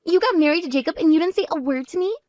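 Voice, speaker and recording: A woman's voice: very high voice, racing, darkish tone, no echo, voice pushed up. A woman voicing a spoiled, vain younger sister who boasts and taunts indignantly in a voiced story. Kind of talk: voiced text story dialogue.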